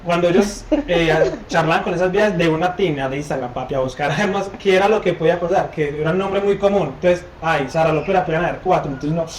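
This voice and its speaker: A man's voice: a little high, quick pace, hardly any pauses, reverberant, a loud crowd. A Colombian man co-hosting a podcast, telling joking, slangy stories in casual chat. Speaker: podcast co-host.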